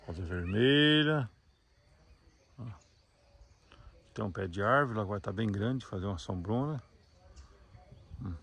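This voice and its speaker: Touring a rural house and its yard on camera, a male vlog host talks casually and folksily to his viewers, sprinkling in little check-in tags. His voice is on the low side with a breathy edge.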